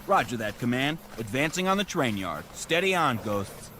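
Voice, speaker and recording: A man's voice: medium pitch, big pitch swings, normal speed, heavy background noise, lightly acted. A man playing a terse, resolute special forces leader in a military shooter game. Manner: terse, determined. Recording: loud gunfire and artillery behind.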